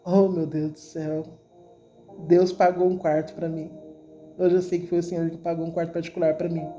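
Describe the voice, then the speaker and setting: A woman with a Brazilian accent gives an emotional religious testimony, piling up repeated words as she speaks to the congregation. Her voice is mellow and warm. Soft music plays faintly behind her. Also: fairly low pitch, flat delivery, normal speed. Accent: Brazilian Portuguese. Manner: emotional, repetitive storytelling addressed to the congregation. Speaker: church member giving a testimony.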